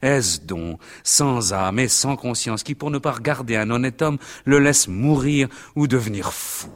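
A man's voice: medium pitch, a little slow, close to an everyday voice. A man voicing a shy, earnest young girl, the innkeeper's daughter, in an audiobook. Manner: timid, earnest.

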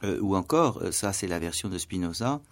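In a radio studio, a male writer and translator speaks briskly in a low voice with lively intonation. His literary, musing interview is hesitant and packed with fillers and stammered restarts, and now and then he drops to near-whispered asides.

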